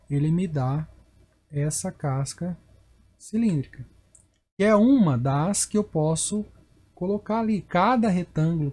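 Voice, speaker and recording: A man with a Brazilian Portuguese accent teaches a recorded math lesson. His voice is dark and a little husky. He explains step by step and keeps asking whether the listener is following. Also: fairly high pitch. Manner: explanatory, keeps checking in with the viewer. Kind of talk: recorded whiteboard lecture.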